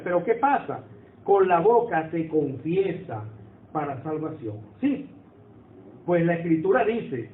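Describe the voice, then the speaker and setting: A man preaches in a high voice, talking with the congregation and asking them for agreement. The sound is thin and phone-like, with a roomy echo around it. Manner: conversational, asks the congregation for agreement. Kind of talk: sermon. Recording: echoey room over a tinny phone-like line.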